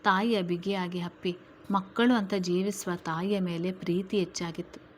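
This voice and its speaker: A woman reading a serial story aloud in a steady, even manner. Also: fairly low pitch, normal speed, slight background noise.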